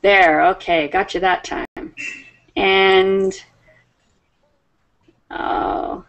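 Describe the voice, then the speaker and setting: Slow, gravelly-voiced woman teacher. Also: mid-range voice, fairly even intonation, highs cut off. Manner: patient, warm with students, laughs often. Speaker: online English teacher. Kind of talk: slow, friendly class talk. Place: home room, indoors. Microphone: webcam on video call.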